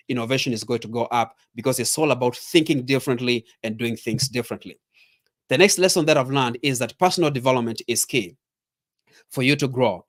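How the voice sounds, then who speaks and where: This is a slightly bright, medium-pitched male voice belonging to a middle-aged Kenyan speaker with a Kenyan accent. Acting as a leadership coach in a motivational training session, he speaks emphatically, goes back over key ideas, and talks directly to his audience.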